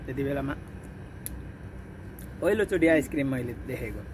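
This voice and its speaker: A relaxed man from Nepal chats casually while eating ice cream, his words loosened by the spoonfuls. He speaks at an ordinary pitch. The recording is outdoors, with clear street noise and passing vehicles behind him. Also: moderate pace. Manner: relaxed, chatty, reminiscing. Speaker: vlogger. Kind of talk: casual storytelling vlog. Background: street ambience with vehicles.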